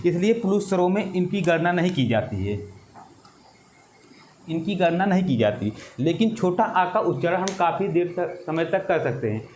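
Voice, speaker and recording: A man teaching an exam-prep lesson, slow and repetitive, drawing out vowel sounds. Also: high voice, big pitch swings, darkish tone, a little hiss or hum.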